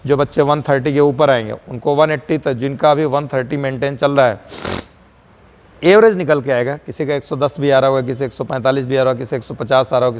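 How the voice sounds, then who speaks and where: A man teaching a physics lecture, dictating the problem slowly word by word and adding motivational asides to his students. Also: medium pitch, long reverb tail, lo-fi sound. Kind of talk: online lecture.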